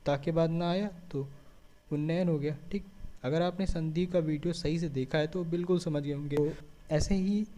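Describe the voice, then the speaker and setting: A man's voice: a little high, mellow. A man teaching a grammar lesson step by step, asking questions and answering them himself, with frequent checking words. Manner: explains step by step, often asks and answers his own questions. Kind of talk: board-style grammar lesson.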